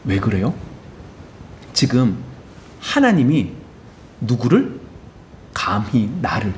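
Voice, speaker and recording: A man's voice: fairly low pitch, slow, a little hiss or hum. A man preaching a sermon as a pastor in a church. He keeps asking the congregation questions and answers them himself. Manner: animated, asks the congregation rhetorical questions; acts out biblical characters in quoted voices. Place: church sanctuary.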